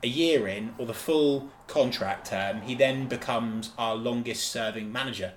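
A man's voice: medium pitch, unhurried, slight background noise. A man co-hosting a casual football podcast, talking emphatically and with enthusiasm, often repeating himself. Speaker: podcast co-host.

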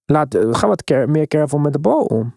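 A man's voice: a little high, sing-song, fairly quick, gravelly, mellow, no echo, clean studio sound. A man in a casual, emphatic sports discussion, mixing in English slang as he hosts. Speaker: podcast host.

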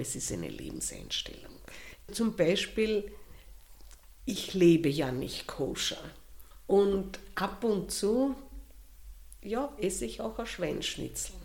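A woman with an Austrian accent, answering interview questions in a slow, thoughtful way with pauses and restarts. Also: medium pitch, creaky, a little mellow. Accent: Austrian German.

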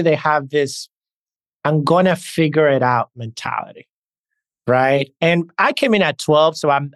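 Podcast guest, male, from the Dominican Republic, mid-pitched, earnest storyteller, dry close sound. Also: dry recording. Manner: earnest, reflective, talks in anecdotes. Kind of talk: conversational interview storytelling.

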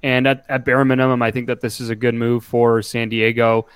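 A man's voice: medium pitch, monotone, brisk, clear, resonant tone, no echo. A man co-hosting a casual sports podcast, talking through his analysis with frequent restarts. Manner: analytical, thinks aloud with restarts. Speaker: podcast co-host.

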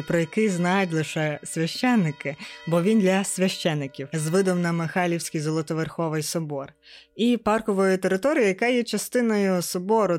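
A woman with a fairly low, darkish voice narrates a personal audio essay for a podcast, telling her story reflectively. Music plays in the background.

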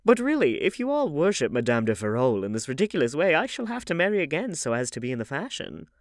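A man voicing a lively, gossipy old aristocratic hostess in a theatrical, scolding, exclamatory way for an audiobook. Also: on the high side, fast talker, no echo, clean studio sound, voice pushed up. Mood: teasing.

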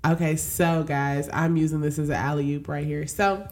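A woman co-hosting a casual chat, expressive and playful. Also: sits low, normal speed. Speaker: co-host.

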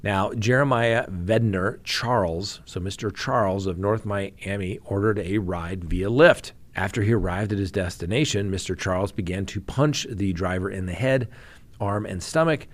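A man's voice: fairly low pitch, normal speed. A man who works as a criminal defense attorney, hosting a show where he reads crime news and adds wry, joking commentary. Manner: wry, animated, reads news then jokes about it.

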